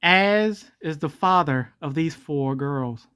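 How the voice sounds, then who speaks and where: Taking it slowly, the host sounds smooth and fairly bright even as a morphing voice changer makes the pitch jump. It's jokey, rambling comedic commentary, and they correct themselves along the way.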